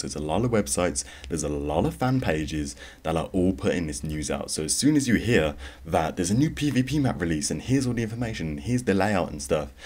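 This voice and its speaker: A man's voice: a bass voice, a little mellow. A young man hosting a solo gaming podcast, talking in a rambling, conversational way with plenty of fillers and restarts. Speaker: podcast host.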